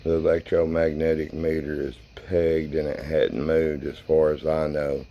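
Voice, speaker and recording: A man's voice: very deep voice, little pitch movement, measured pace, lo-fi sound. A man casually narrating a paranormal session and questioning spirits in a folksy, plain-spoken way. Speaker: paranormal investigator hosting a spirit box session.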